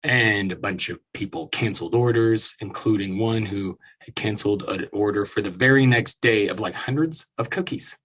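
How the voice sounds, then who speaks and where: Husky-voiced man on an angry rant. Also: fairly low pitch, moderate pace, hardly any pauses, fairly bright tone. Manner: profane, exasperated ranting with frequent restarts. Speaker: podcast host. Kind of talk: casual solo rant.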